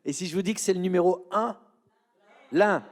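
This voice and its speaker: A man's voice: high-pitched, moderate pace. A man with a French accent presenting a church children's show, playfully coaxing answers from the audience in a quiz. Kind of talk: leading an interactive quiz with an audience.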